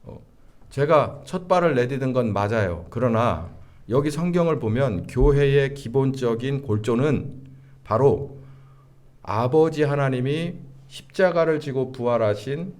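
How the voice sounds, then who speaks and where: A middle-aged male pastor delivering a sermon slowly and deliberately, with frequent filler sounds between phrases. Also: medium pitch, expressive, a little mellow.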